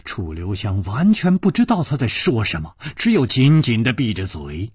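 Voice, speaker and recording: A man telling a long-form traditional story, unhurried and dramatic. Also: on the low side, husky, dry recording, clean studio sound. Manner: unhurried and dramatic, with lively rises and falls.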